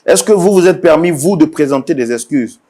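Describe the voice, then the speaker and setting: A man acting as the host and mediator, asking probing, formal questions and repeatedly urging calm. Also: a little high, a little fast. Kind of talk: questioning mediation talk show.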